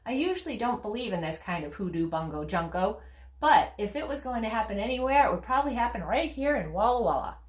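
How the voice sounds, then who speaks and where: A woman reading the part of a brisk, sensible school nurse who rattles off rhyming patter, in a room with an echo. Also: fairly high pitch, lively intonation, natural voice. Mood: musing. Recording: roomy echo.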